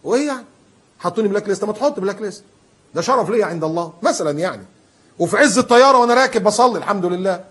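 A man preaching in a colloquial style with an Egyptian accent. He is animated and emphatic, and he acts out the people he quotes. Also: high-pitched, racing, breathy edge. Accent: Egyptian Arabic. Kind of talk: colloquial sermon.

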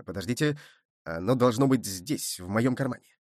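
A man voicing a shrewd, quick-witted musketeer who speaks in a brisk, commanding way. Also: medium pitch, lively intonation, a little mellow, no room sound, studio quality, close to an everyday voice. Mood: sly.

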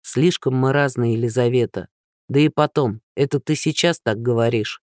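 A man reading an audiobook, voicing Lyosha, a burly, gentle, earnest captain, in a lower, earnest voice. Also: moderate pace, dry recording, clean studio sound, lightly acted.

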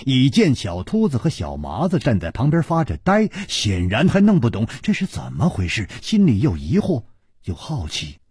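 A man telling a martial arts tale in dramatic long-form storytelling style, swooping and deliberate. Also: medium pitch, wildly swooping pitch, a little mellow, slightly rough, dry recording, clean studio sound.

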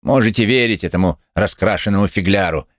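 A man's voice: fairly low pitch, big pitch swings, normal speed, no room sound, clean studio sound, voice pushed up. A man voicing a sneering one-legged male cynic who speaks with mocking contempt. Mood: defiant.

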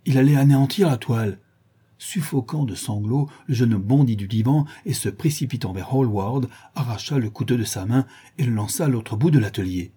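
A man narrating a classic novel as an audiobook in a measured, literary manner. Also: mid-range voice, mellow, slightly rough. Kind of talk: scripted narration.

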